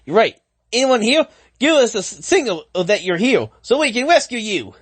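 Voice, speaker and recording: A man voicing a frightened young female chipmunk heroine in a fan story reading, raising his voice high and crying out in strained pleas. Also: sing-song, fast talker, husky, no echo, exaggerated voice. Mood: urgent. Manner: high strained pleading cries.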